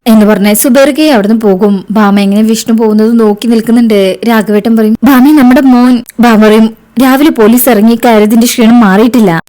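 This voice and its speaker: A woman narrates a TV serial episode, acting out the family's quoted dialogue as she goes. Her voice sits slightly high and sounds soft and mellow. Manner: narrates and acts out each character's lines in quotes.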